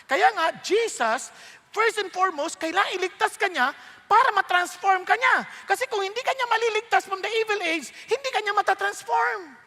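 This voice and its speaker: A Filipino-accented man preaches in a bright, sharp voice that rises high and leaps around in pitch. He is animated and jokey, and he slips English lines into the sermon. The sound rings with the long reverb of a church hall. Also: normal speed. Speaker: pastor. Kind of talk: conversational sermon.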